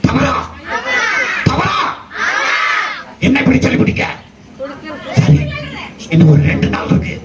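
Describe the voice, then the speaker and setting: A man playing a drunken, quarrelsome village father in a church stage skit, shouting and defiant. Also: extremely high pitch, wildly swooping pitch, a little slow, pauses often, over a noisy crowd, full character voice. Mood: belligerent. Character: drunken angry village father, middle-aged. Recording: roomy hall with audience noise.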